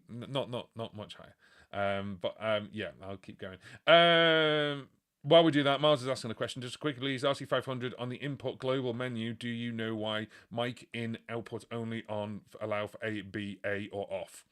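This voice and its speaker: A man's voice: medium pitch, moderate pace, fairly bright tone, clear, resonant tone. Chatty man in his forties live-streaming. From United Kingdom. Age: 40s. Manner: rambling and chatty, lots of ums, reads out viewer questions. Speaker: musician hosting a live stream. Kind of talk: casual live-stream chat.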